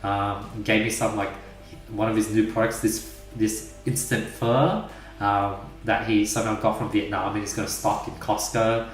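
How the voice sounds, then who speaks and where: A man's voice: lowish voice, level tone, moderate pace, soft background music. A young man hosting a podcast, telling a story in casual chat with lots of "like" fillers. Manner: rambling, many "like" fillers. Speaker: podcast host. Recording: roomy echo, mic at a distance.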